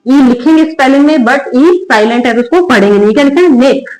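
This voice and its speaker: A woman teaching English spelling rules in Hindi, asking questions and answering them herself, drawing out example words slowly. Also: high-pitched, animated, a little mellow. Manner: repeats questions and answers them herself, slow drilled word readings. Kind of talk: Hindi-medium spelling lesson at a board. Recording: echoey room.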